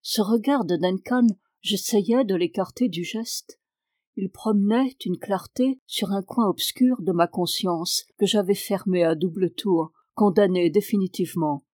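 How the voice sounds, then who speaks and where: A woman's voice: medium pitch, a little slow, warm tone, dry recording. Woman reading a novel aloud, dry sound. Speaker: audiobook narrator. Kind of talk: first-person novel narration.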